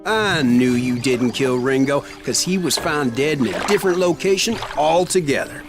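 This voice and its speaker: A man's voice: fairly high pitch, lively intonation, normal speed, over music. An actor playing a skeptical man who questions a storyteller's version of events in a western game. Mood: doubting. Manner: doubting questions.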